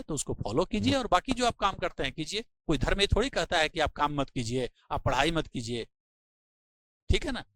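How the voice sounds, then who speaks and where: A middle-aged Indian man, a physics teacher giving an earnest, preachy motivational talk to his students and slowing down to press his points. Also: a little high, fairly bright tone, dry recording, rough recording.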